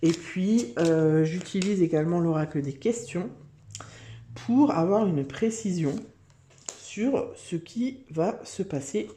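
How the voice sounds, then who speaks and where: Chatty woman with a dark voice. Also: on the low side, lively intonation, slow, slight background noise. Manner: chatty, hesitant with many fillers. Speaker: tarot reader. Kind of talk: casual tarot reading monologue.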